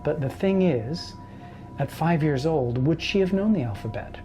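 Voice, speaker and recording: A man, a paranormal researcher telling his experiences in a casual, animated way. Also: fairly high pitch, normal speed, faint music behind. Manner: animated storyteller, acts out quoted voices. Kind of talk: casual storytelling interview.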